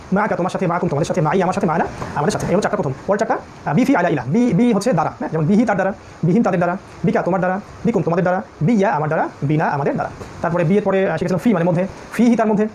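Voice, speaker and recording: Rapid-fire male Arabic teacher. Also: sits high, darkish tone, slight background noise. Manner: drills word lists in quick repetitive chants. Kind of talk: classroom review lesson.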